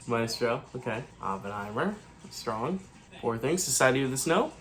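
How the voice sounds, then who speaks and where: A man with a mid-pitched voice gives live reaction commentary as a movie channel host. He is excitable, answering each moment in short, clipped remarks. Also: moderate pace, rough recording.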